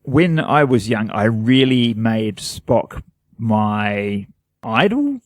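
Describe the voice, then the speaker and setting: A man's voice: lowish voice, big pitch swings, very slow, no room sound. A man from New Zealand co-hosting a podcast, chatting in an earnest, rambling, self-deprecating way. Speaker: podcast co-host. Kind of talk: casual chat.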